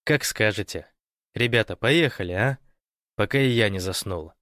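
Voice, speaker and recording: A man's voice: on the low side, moderate pace, a bit bright, no echo, studio quality, lightly acted. A man voicing a teasing, joking team captain who barks orders at times. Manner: teasing, barking.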